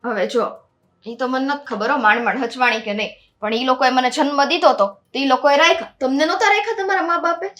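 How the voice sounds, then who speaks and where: A cheeky, work-shy young daughter-in-law in a family drama, acted by a woman. She talks back in a bright, high voice, drawling and teasing. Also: brisk, faint music behind. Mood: mocking. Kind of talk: Gujarati family stage drama.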